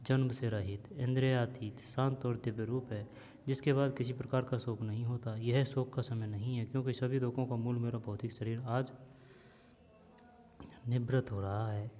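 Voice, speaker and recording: Male teacher reading a lesson aloud, dark mellow tone, long reverb on a dull lo-fi recording. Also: medium pitch, a little hiss or hum. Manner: reads steadily, pauses to explain words. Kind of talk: reading a story aloud with explanations.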